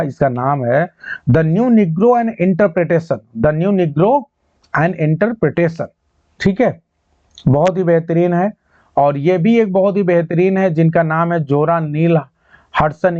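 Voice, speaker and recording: A man's voice: fairly high pitch, dark tone, no echo. Man teaching an exam-prep lecture. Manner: explanatory, repeats key points, quizzes students. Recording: dull muffled lo-fi sound.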